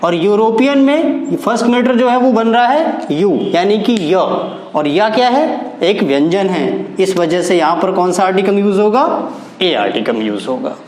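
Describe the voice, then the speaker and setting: A man's voice: high voice, animated, normal speed, darkish tone, roomy sound, poor audio. A man teaching English grammar in a classroom style, spelling out words letter by letter and explaining them step by step.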